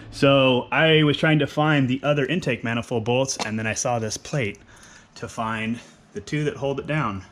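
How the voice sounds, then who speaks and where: A man casually talking through his car project in a relaxed, rambling way, outdoors at home. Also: medium pitch, slight background noise. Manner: relaxed, rambling, filler-heavy. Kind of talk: casual talk-through while wrenching.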